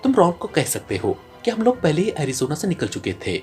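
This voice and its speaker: A narrator voicing a calculating male secret agent who speaks in a flat, icy, menacing tone in an audiobook. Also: mid-range voice, fairly quick, faint music behind. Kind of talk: audiobook character reading.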